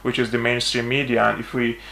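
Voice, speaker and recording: A man from Syria, a political journalist, giving measured explanatory interview answers with frequent hesitations. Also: medium pitch, level tone, gravelly, bright, forceful tone, slight background noise. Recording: roomy echo.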